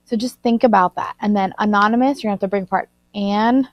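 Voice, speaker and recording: A woman teacher recording a vocabulary lesson, slowly enunciating and spelling out words. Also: medium pitch, steady tone, dry recording. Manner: slow, deliberate word-by-word spelling and enunciation. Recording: dull lo-fi recording.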